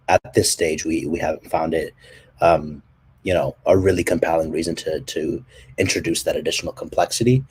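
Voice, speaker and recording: A man presenting his company's standards work and answering questions, speaking haltingly with many fillers and restarts. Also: low-pitched, darkish tone, slightly rough. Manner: halting, many ums and restarts, coughs between phrases. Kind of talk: technical presentation and Q&A.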